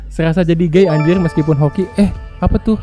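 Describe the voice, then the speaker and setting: A high-pitched young man hosts a casual gaming livestream, joking and laughing through his reactions. His voice sits high but sounds dark and mellow in tone. Music plays softly behind him. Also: fairly quick. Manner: excitable, joking, laughs often. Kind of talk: casual live-stream chat.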